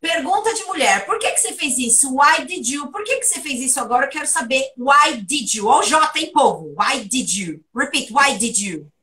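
A woman giving a private English lesson, lively and playful as she runs question drills. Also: sits high, moderate pace, hardly any pauses, distant mic. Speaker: English teacher.

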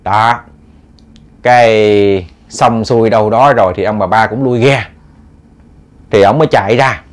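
A man's voice: lowish voice, steady tone, unhurried. Chatty Southern Vietnamese man telling tales. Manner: chatty, addresses listeners directly, acts out quoted lines. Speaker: ghost story narrator. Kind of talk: casual storytelling.

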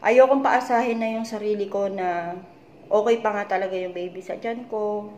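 Worried Filipina mom vlogger, echoey room. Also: female voice, medium pitch, moderate pace, darkish tone. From Philippines. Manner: retells conversations, repeatedly tagging them with "she said"; worried, confiding tone. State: voice low and weak. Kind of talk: personal story-time vlog. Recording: echoey room with faint background noise.

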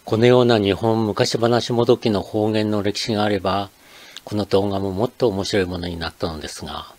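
Older man, from Akita, host, low-pitched, steady explanatory reading. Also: brisk. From Akita, Japan. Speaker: channel host. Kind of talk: scripted narration.

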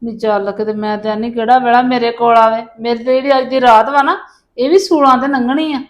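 A woman's voice: a little high, fairly even intonation, a little fast. A woman in a family drama, playing a mother-in-law who pleads and apologises to get her grandson back. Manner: pleading, self-pitying. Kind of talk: scripted village family drama.

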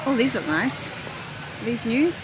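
A woman's voice: on the high side, big pitch swings, slow. Chatty woman in a noisy store. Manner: chatty, thinking aloud while browsing. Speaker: vlogger. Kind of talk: chatty shopping vlog. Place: busy warehouse store. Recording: loud store noise behind.

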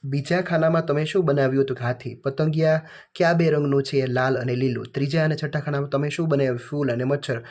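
A man teacher, reading out workbook answers to children in a flat, list-like way. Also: mid-range voice, fast talker.

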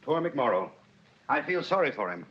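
An actor playing an anxious, flustered young law clerk in a 1930s film, on a dull old soundtrack with hiss. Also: male voice, mid-range voice, big pitch swings, moderate pace, husky. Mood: wry. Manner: flustered, talks himself into a state.

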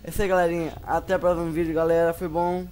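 A Brazilian man playing a horror game, commenting in a panicky way, yelling and pleading at what happens on screen. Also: on the high side, flat delivery, very fast. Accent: Brazilian Portuguese. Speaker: gameplay youtuber. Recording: music from the game behind.

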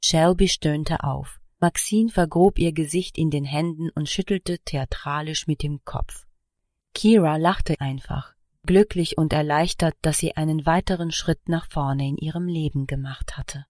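A woman narrating an audiobook in a calm, even reading voice. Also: low voice, unhurried, no room sound, clean studio sound. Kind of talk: scripted narration.

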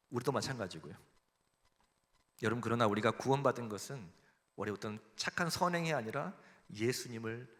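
Bright-voiced Korean pastor preaching in a hall. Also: male voice, medium pitch. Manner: emphatic, acts out quoted voices, leads the congregation in reading. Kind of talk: sermon. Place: church sanctuary. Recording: long reverb in a church hall.

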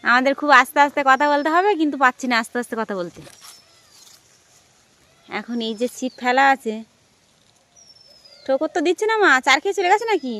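A woman with a Sundarbans Bengali accent chats to her viewers while walking outdoors in the village. Her voice sits high and she talks casually, pointing things out as she goes, recorded on a handheld phone. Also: lively intonation, a little fast, pauses often, pushed and bright. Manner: chatty, addresses viewers as friends. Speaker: vlogger. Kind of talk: casual vlog narration.

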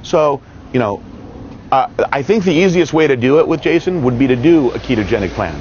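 A man's voice: mid-range voice, lively intonation, brisk, darkish tone. A man in his thirties coaching outdoors in a parking lot, speaking confidently and emphatically on a lapel mic. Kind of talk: casual outdoor interview. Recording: dull audio with faint outdoor noise.

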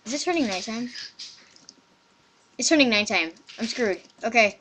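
A woman's voice: a little high, animated, moderate pace, fairly bright tone, slight background noise, rough recording. A woman hosting casual gameplay commentary on a computer mic, rambling and chatty with lots of "like". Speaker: gaming channel host.

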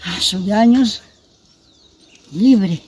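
Woman putting on a grieving middle-aged ex-prisoner father, low mournful pleading voice, dark tone, outdoor rural sound, homemade drama. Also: extremely slow, slightly rough, heavily acted.

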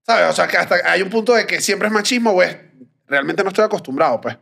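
Gravelly, husky Venezuelan man. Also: sits high, expressive, fast talker, a bit bright. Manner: joking, argumentative. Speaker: podcast co-host. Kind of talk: casual chat.

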